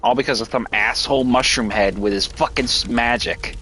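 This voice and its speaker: Streaming a video game, a man gives live commentary in a frustrated state, swearing often and stumbling through restarts. His mid-range voice is sharp and fairly quick, with a little hiss or hum in the recording.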